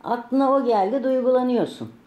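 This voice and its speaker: A woman in casual chat who reassures, agrees and gently explains things. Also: sits high, fairly quick, a crowd in the background. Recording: echoey room.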